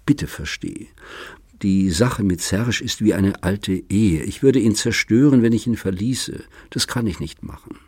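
A man reading the part of an adult woman who tearfully pleads with her lover, in a soft, pleading manner. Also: lowish voice, a little slow, husky, no room sound. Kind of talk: audiobook character reading.

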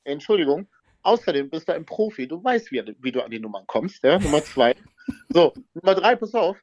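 A male rapper teasing an interviewer in playful banter, animated and cheeky. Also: fairly high pitch, a little fast. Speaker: rapper guest. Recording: dull lo-fi clip audio.

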